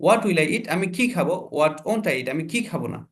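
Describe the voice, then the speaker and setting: A man's voice: a little high, lively intonation. A man teaching an online spoken English class, drilling sentence patterns and urging students to speed up. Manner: drills patterns, coaxes students to speak faster. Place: online video call.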